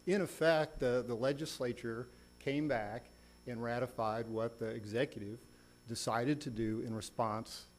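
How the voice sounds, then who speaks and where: A man's voice: medium pitch, fairly even intonation, a little slow. A man speaking as a lawyer, presenting a formal oral argument in a courtroom. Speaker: lawyer arguing an appeal. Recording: faint hum and background noise.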